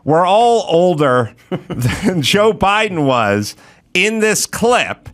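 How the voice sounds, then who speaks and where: A man's voice: sits high, very animated, very slow. A man in his fifties hosting a podcast interview, talking in a sardonic, emphatic way. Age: 50s. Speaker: podcast host. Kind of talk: conversational interview.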